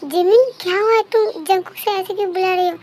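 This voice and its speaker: A woman's voice: extremely high pitch, fairly even intonation, fairly quick, a little mellow, slight background noise. A woman voicing a worried middle-aged mother in a fan-dubbed story, asking anxious questions. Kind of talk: fan dub story voice acting. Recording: faint background music.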